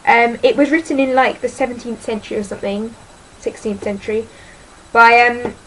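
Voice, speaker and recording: A teenage girl chats casually about books in her vlog, her voice fairly high with fairly even intonation at a moderate pace. She rambles and hesitates, full of ums and sort-ofs, and is self-deprecating. The recording is low quality with slight background noise.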